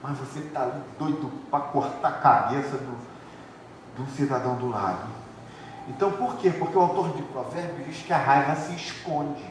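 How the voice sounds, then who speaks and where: A man from Rio de Janeiro, a pastor preaching an animated sermon, swinging between loud and hushed and acting out members of his church. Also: medium pitch, moderate pace, slight background noise. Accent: Brazilian Portuguese, Rio de Janeiro. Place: large church hall. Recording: echoey church hall from far off.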